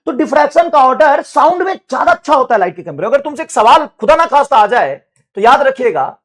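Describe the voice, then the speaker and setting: A man teaching physics to a class, explaining step by step and slowing down to dictate key phrases in English. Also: very high-pitched, sing-song. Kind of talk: classroom lecture with student questions.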